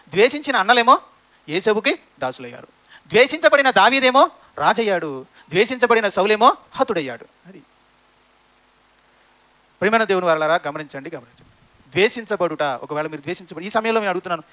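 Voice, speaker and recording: Fast, bright-voiced male preacher. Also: sits high. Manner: rhetorical questions to the congregation. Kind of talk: sermon. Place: church.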